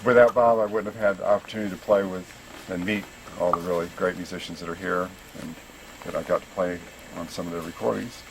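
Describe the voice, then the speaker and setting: A man's voice: low voice, steady tone, quick pace, noisy background. A man, a musician, giving sincere, grateful thanks at a gathering.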